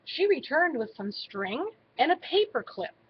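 A woman reading a children's story aloud, slow and unhurried. Her voice sits on the high side and moves with lively melody. The recording is slightly muffled, with a faint hiss behind it. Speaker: storybook reader. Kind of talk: read-aloud narration.

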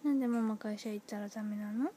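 A woman in intimate, soft pillow talk with her small child, gently encouraging and asking simple questions. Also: medium pitch, steady tone, fast talker, slight background noise. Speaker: mother chatting with her young child.

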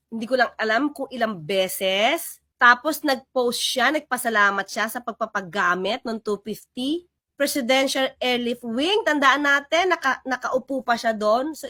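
Woman vlogger, high and bright, sarcastic running commentary, dry close sound. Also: unhurried, dry recording. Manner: animated, sarcastic, replays and reacts to clips. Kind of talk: casual political commentary.

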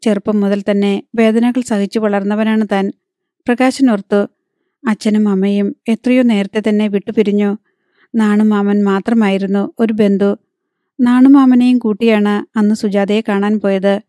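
A woman narrating a novel as an audiobook in a measured, dramatic reading. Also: medium pitch, dark tone, no echo, clean studio sound.

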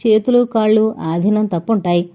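A woman voicing a confident young man who leads his friends through a cave, giving calm, commanding instructions. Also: medium pitch, normal speed, highs cut off, close to an everyday voice.

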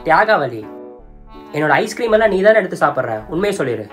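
A young woman acting in a comedy skit, bossy and quick to scold. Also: low-pitched, sing-song, soft background music.

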